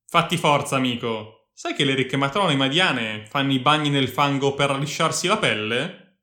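A man's voice: medium pitch, lively intonation, normal speed, sharp tone. A man voicing a young, wisecracking male lieutenant in his mid-twenties who talks in a joking, eager way. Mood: mocking. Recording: echoey room.

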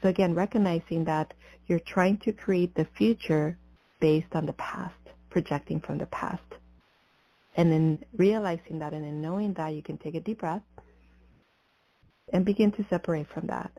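A woman guiding a breathing meditation as a spiritual coach, in a soothing mystical healer manner with deliberate pauses. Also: lowish voice, mellow, no echo. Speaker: podcast host and spiritual coach. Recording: slightly dull, muffled lo-fi audio.

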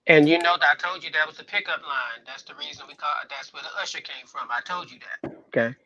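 A man's voice: on the high side, quick pace, sharp tone, a little hiss or hum. A man chatting as a guest, his headset giving a muffled sound like talking inside a fishbowl, often repeating and restarting his words. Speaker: guest on a talk show. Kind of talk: casual chat. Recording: dull, muffled headset line.

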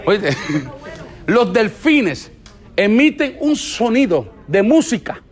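A middle-aged man, preaching in a playful, animated and exhorting way at church. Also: high-pitched, slow. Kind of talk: church teaching talk.

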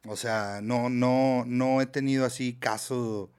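A man with a Mexican accent, talking at an ordinary mid pitch in a relaxed podcast chat. He speaks easily, reacts with quick slangy interjections and swears offhandedly. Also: clear, resonant tone. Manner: laid-back, reacts with short slangy exclamations, casual swearing. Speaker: podcast co-host. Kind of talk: casual chat.

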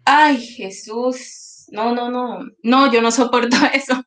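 A bubbly woman guesting on a casual podcast. Her voice is bright and sharp, pitched a little high, and she giggles as she talks. She speaks loudly by her own account. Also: fairly even intonation, normal speed. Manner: bubbly, self-admittedly loud, giggly. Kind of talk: casual chat.

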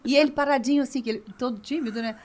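High-voiced Carioca woman in her fifties. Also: rapid-fire, noisy background. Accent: Carioca Brazilian Portuguese. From Rio de Janeiro suburbs, Brazil. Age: 50s. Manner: animated, laughing storyteller. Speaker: guest. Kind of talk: casual storytelling chat.

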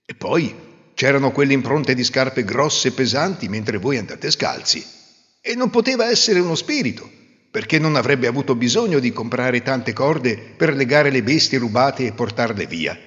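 A man's voice: medium pitch, expressive, normal speed, a bit bright, close to an everyday voice. A man voicing a clever, self-assured young peasant hero in a folk tale. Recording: roomy reverb, dull lo-fi sound.

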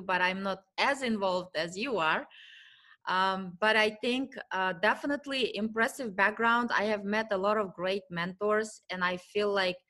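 A woman's voice: mid-range voice, bright, forceful tone. A woman hosting a business talk show, interviewing a guest in a friendly, affirming way.

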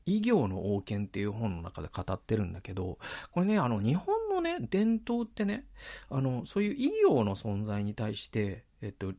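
The host of this one-man book podcast has a lowish, gravelly, darkish voice. He muses into the microphone, stumbling into pauses and revising his words as he goes.

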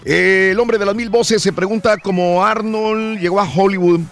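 A man's voice: sits high, normal speed, soft background music. A man hosting a radio show, reading news items and joking with co-hosts. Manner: animated, shifts between news reading and joking.

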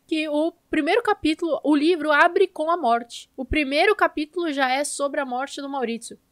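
A woman's voice: high-pitched, moderate pace, no room sound, studio quality. A Brazilian woman co-hosting a podcast in casual film discussion, with an informal, opinionated and emphatic way of talking. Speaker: podcast co-host.

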